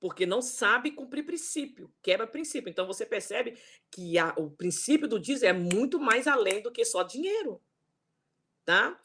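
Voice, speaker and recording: Older woman pastor, husky voice, earnest repetitive preaching on a video call. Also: fairly high pitch, sing-song, moderate pace, pushed and bright. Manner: emphatic, repeats words, asks "né?" and "tá?". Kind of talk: online sermon teaching.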